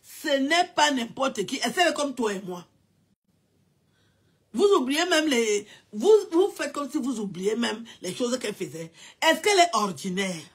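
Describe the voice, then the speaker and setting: A woman, her voice sitting high as she talks slowly. She mocks her subject in a casual rant and breaks into repeated, drawn-out mock wailing cries. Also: big pitch swings, breathy edge. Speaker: commentator.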